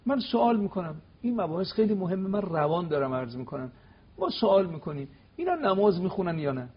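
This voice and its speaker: A man giving an animated religious talk on television, telling stories and acting out quoted exchanges with emphasis. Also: breathy edge, muffled recording. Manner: emphatic, acts out quoted dialogue with rising pitch. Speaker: cleric guest on religious TV talk. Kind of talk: animated religious lecture with storytelling.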